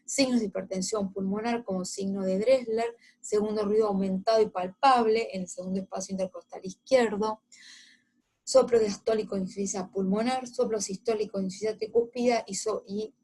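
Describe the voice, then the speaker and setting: A woman with a warm, steady, medium-pitched voice teaches a medical lecture. She explains things step by step, using frequent fillers and quickly checking in with her students.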